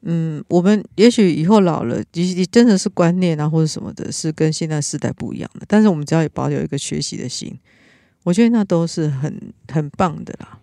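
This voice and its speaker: A podcast host speaks in a relaxed, reflective chat, with a gravelly creak in the voice. Thoughts come out rambling and earnest, full of restarts. The sound is dry and close, with no room around it. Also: medium pitch, a little fast, no room sound.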